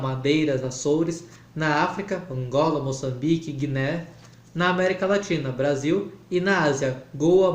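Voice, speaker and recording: Man, careful halting read-aloud, raised pitch, roomy echo. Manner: slow, halting reading with restarts. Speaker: reader of an academic text. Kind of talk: slow read-aloud of an academic text. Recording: echoey room.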